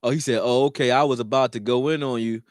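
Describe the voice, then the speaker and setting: A man's voice: fast talker, dry recording, clean studio sound. Loose, profane Philly man talking football. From Philadelphia, raised; born in Texas. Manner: loose and profane, swings between excited and low mumbling. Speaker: sports talk host. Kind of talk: casual live-stream sports talk.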